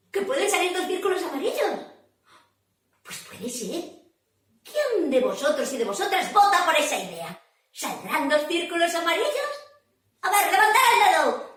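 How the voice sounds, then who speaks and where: A woman's voice: high-pitched, big pitch swings, moderate pace, pauses often, a bit bright, recorded from a distance. Playful woman storyteller, echoey room. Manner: playful, theatrical, asks the audience questions and laughs often. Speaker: children's storyteller. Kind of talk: lively storytelling for children. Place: public library room.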